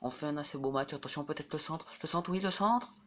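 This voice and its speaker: A man giving casual let's-play commentary over a football video game, excitably repeating player names again and again and bursting into shouts at the big moments. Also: a little high, fast, slight background noise. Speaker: gaming YouTuber.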